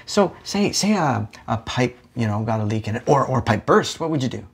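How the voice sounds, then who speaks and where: A husky-voiced man going through chemo, as an actor plays him, set on teaching his partner household repairs. He explains in halting, patient bits, and his voice rises and falls a lot. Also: medium pitch, big pitch swings, heavily acted. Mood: calm.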